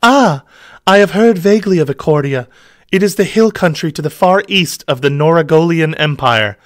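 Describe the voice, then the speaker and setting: A man's voice: on the high side, animated, normal speed, dry recording, clean studio sound, pitched above the performer's own voice, lightly acted. A man putting on a sultry noblewoman. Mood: mock sultry.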